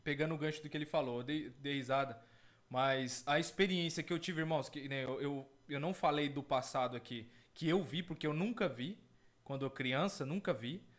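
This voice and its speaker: With a fairly high pitch and a fairly quick pace, a male evangelical host gives testimony and reaction commentary. He's earnest, repeats himself frequently, and calls his audience brothers.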